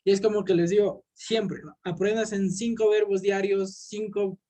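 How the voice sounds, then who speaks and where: A male English teacher giving a recorded classroom lesson, who checks in constantly with "ok?" and slows down on each English example word. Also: high-pitched, flat delivery, dark tone.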